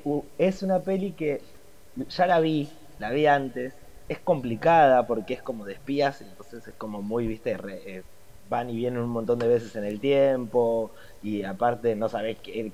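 An Argentine man in his thirties with a raspy, smoker-like morning voice, chatting casually as a podcast panelist. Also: medium pitch, normal speed, mellow, poor audio. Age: 30s. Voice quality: raspy, boozy-sounding morning voice. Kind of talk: casual film chat.

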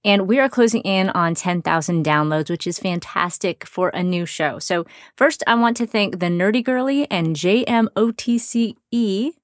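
A woman's voice: medium pitch, moderate pace, hardly any pauses, no echo, studio quality. A woman podcast host speaking conversationally and informally, with effusive praise and self-deprecating jokes. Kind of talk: upbeat conversational podcast introduction and interview.

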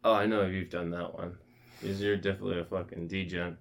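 A man's voice: deep voice, little pitch movement, fairly quick, vocal fry. A young man telling a rowdy party story on a podcast, profane and rambling, with lots of "like" and "man.". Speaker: podcast co-host. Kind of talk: casual storytelling chat.

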